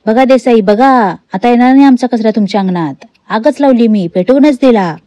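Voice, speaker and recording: A woman voicing a scheming middle-aged man who shouts and gloats in slow, drawn-out taunts, as part of a serial recap. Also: on the high side, no echo, natural voice. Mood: taunting.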